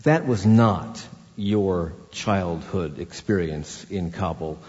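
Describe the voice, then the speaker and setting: Interviewer guy, lowish voice, slow careful questions, dull lo-fi sound with a long echo. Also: darkish tone. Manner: measured, reads quotes, asks long questions. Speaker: interviewer, host.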